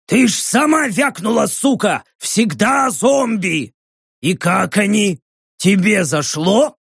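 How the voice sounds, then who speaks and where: A woman's voice: medium pitch, animated, takes it slowly, vocal fry, slightly rough, dry recording, studio quality, voice pushed up, heavily acted. A woman reading an audiobook, voicing a crude, foul-mouthed male orc fighter. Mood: mocking.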